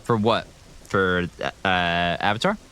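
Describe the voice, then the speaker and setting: A man's voice: low voice, slow pace, sharp tone, smooth. A man streaming a video game, chatting casually with his viewers as he plays. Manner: chatty, answering chat as he plays. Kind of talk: casual gameplay commentary.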